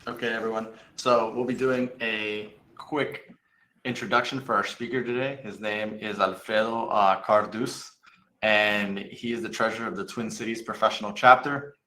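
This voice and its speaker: A man hosting a panel discussion over a video call, relaxed and conversational, with some ums. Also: lowish voice, echoey room, low-quality recording. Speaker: panel host and moderator. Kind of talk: casual panel moderation.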